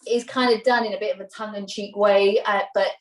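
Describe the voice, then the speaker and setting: A woman's voice: mid-range voice, steady tone, brisk. Welsh woman, 30s, chatty and rambling, lots of fillers, echoey room, a bit far from the mic. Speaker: interview guest, mother. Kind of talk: casual conversational interview. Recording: roomy sound, voice a little off-mic.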